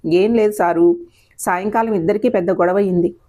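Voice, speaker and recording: A woman's voice: mid-range voice, steady tone, fairly quick, warm tone, close to an everyday voice. A woman voicing a young working man, hurt and earnest, pleading his side in an audio story. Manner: pleading, aggrieved.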